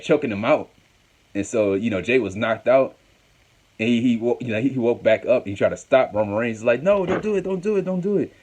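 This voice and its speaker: A man's voice: lowish voice, a little mellow, husky. A man hosting a show, recapping a wrestling match in a casual, rambling way and often repeating himself. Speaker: host.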